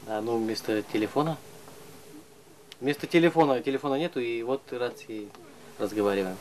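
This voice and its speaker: A man from Russia explaining his village home in a halting, casual way, with many fillers and repeated phrases, outdoors in the snow. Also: medium pitch, a little mellow, slight background noise. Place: outdoors in a snowy village and in a cellar.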